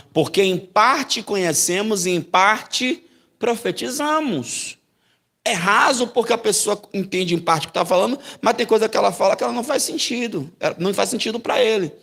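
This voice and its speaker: A man from Brazil teaching a Bible class in a church as pastor, animated and acting out voices. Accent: Brazilian Portuguese. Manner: animated, acts out voices with big pitch jumps. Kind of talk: sermon-style Bible lesson.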